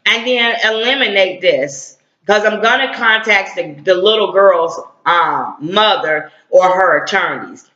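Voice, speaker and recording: Man, middle-aged, activist, blunt, confrontational, slangy, high voice, echoey room, lo-fi audio. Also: expressive, a little slow, sharp tone. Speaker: civil rights activist. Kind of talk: heated online rant. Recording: echoey, dull lo-fi sound.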